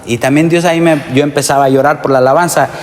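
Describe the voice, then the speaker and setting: A man's voice: a little high, fairly even intonation, fast. A man preaching a testimony sermon to young people, earnest and addressing them directly with calls for amen. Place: church sanctuary. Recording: long hall reverb.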